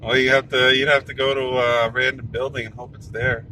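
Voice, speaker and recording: Man host, bright voice, easygoing car chat, faint road hum behind. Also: mid-range voice, little pitch movement, fairly quick, rough recording. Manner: easygoing, trailing restarts. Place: inside a moving car.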